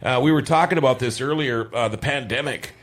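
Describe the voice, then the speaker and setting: Chatty Minnesota man hosting a radio talk show. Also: medium pitch. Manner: chatty, rambling, quick to joke. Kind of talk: casual studio chat.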